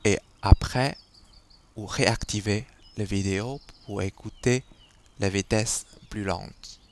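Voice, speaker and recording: Guy teaching a lesson, low voice, really slow and patient. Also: fairly even intonation. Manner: patient, repeats syllables to model tones. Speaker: Chinese language teacher.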